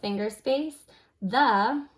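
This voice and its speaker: A woman's voice: a little high, very slow. A woman teaching an early reading lesson, explaining patiently step by step in simple phrases and modelling examples for young learners. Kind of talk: instructional demonstration of a kindergarten reading lesson.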